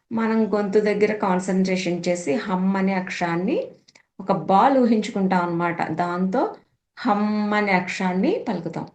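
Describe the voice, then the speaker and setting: A woman teacher patiently explaining meditation practice step by step, mixing English words into her talk. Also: medium pitch. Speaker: spiritual teacher. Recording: echoey room.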